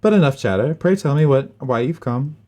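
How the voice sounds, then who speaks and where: A man's voice: medium pitch, expressive, fairly quick, mellow, close to an everyday voice. A man voicing a gallant, welcoming male knight commander, reading game dialogue aloud in a formal, dramatic tone.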